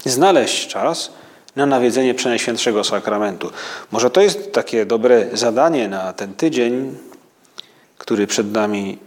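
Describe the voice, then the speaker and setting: A man preaching a spiritual meditation, speaking slowly and reflectively, with halting pauses. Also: mid-range voice.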